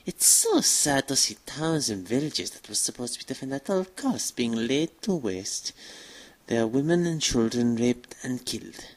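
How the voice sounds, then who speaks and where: A woman voicing a gleeful, fanatical vampire military commander giving a grandiose, theatrical villain speech in a fan dub, with a husky voice. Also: very deep voice, sing-song, unhurried, a little mellow, heavily acted, poor audio. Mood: ecstatic, savoring. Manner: grandiose, savoring, emphatic oratory. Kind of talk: theatrical dramatic villain monologue, rallying speech.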